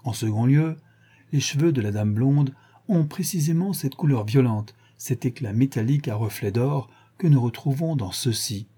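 A man's voice: mid-range voice, moderate pace, warm tone, husky, lightly acted. A man doing a stubborn, proud inspector. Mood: insistent. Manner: insistent, sententious.

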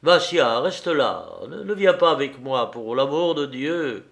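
A man's voice: medium pitch, lively intonation, a little slow, vocal fry, fairly bright tone. A man voicing a frightened young man who urgently pleads with his ailing friend. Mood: desperate. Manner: urgent, desperate.

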